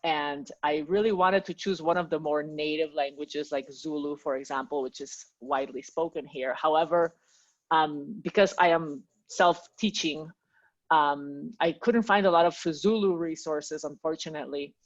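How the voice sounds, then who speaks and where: A woman's voice: deep voice, steady tone, moderate pace, dull audio. A woman from Peru, a language teacher, chatting as a guest in a casual interview and laughing often.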